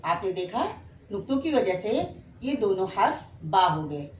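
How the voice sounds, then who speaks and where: A woman's voice: medium pitch, big pitch swings, measured pace, slight background noise. A woman teaching beginners to read Quranic letters, patiently drawing out each letter name for students to repeat, with a Pakistani Urdu accent. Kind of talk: slow beginner lesson, spelling out letters. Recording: echoey room, faint ambience.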